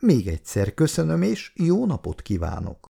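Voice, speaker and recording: A man's voice: fairly high pitch, wildly swooping pitch, creaky, dark tone, husky, voice pushed up, heavily acted. Man voicing a fussy, overly polite shopkeeper. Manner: fussy, formal.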